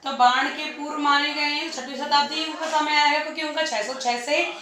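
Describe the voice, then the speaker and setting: A woman's voice: high voice, steady tone, moderate pace, pushed and bright, a little hiss or hum. A woman teaching an exam-prep lecture, posing questions to the class and answering them herself, repeating key points. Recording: echoey room, distant mic.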